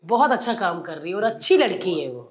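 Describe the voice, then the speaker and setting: A woman's voice: lowish voice, big pitch swings, fast. A woman hosting a podcast with Punjabi-tinged Hindi, chatting eagerly and asking questions. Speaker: podcast host. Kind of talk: casual interview chat.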